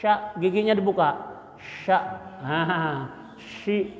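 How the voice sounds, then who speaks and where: A man teaches Quran recitation at a slow pace, sounding out letters and repeating syllables for his listeners. The recording carries a long reverb from the mosque hall. The sound is dull and lo-fi. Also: high voice. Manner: demonstrates letters slowly, repeating sounds, light joking. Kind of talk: tajwid lesson with drilled pronunciation.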